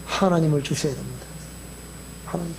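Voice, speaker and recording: A male pastor with a Gyeongsang accent, preaching a sermon in an animated way and often quizzing the congregation. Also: a little high, a little fast, creaky. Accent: Gyeongsang Korean. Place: church sanctuary.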